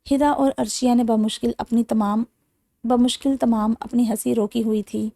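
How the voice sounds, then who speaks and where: Creaky, mellow-voiced woman reading a novel. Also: fairly high pitch, dry recording, studio quality. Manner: steady dramatic reading, reads every character herself. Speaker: audiobook narrator.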